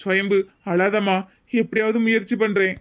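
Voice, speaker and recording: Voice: medium pitch, level tone, moderate pace, phone-quality sound, lightly acted. An actor voicing a drunk middle-aged husband in a comedy cartoon, with a Tirunelveli Tamil accent, talking in a slurred, mournful way. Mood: glum. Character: drunk middle-aged husband who lost family gold.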